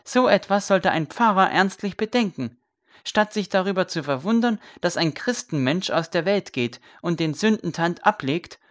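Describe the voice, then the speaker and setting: A fervent young man, once a royal scribe, as a woman reader puts him on, speaking earnestly and with pressing conviction. The voice sits a little above the reader's own low register. A storybook figure, zealous and defiant. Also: animated, normal speed.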